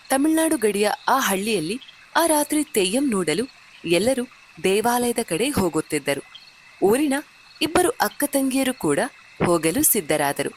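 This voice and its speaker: A woman narrates a scripted horror story at a measured, suspenseful pace. Her mid-range voice swings freely in pitch as she builds tension. Faint cricket ambience hums behind her. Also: sing-song, slight background noise.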